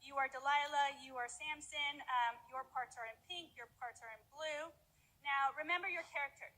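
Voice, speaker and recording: A woman's voice: high voice, normal speed, pushed and bright, low-quality recording. A woman pastor narrating a scripture story in church, upbeat and playful as she guides volunteers. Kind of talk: narrating a scripture skit to a congregation.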